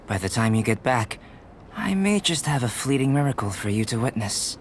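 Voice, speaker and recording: An actor playing a calm, curious young alchemist in a video game, measured and thoughtful. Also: male voice, medium pitch, slight background noise, natural voice.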